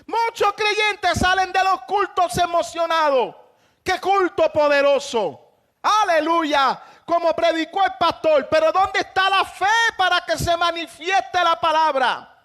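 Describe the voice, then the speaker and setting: High-voiced impassioned male pastor preaching. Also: measured pace. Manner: impassioned preaching with shouted emphases. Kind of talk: sermon.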